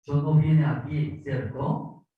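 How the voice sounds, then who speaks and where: A man's voice: on the high side, steady tone, takes it slowly, narrow, tinny audio. A man from South Korea with a Korean accent, preaching a sermon in simple, repetitive Spanish full of rhetorical questions. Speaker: pastor. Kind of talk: sermon with Bible reading. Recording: distant echoey online service audio.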